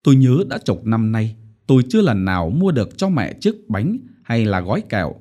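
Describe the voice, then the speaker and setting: A man narrating a short story as an audiobook in a measured storytelling manner. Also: medium pitch, sing-song, warm tone.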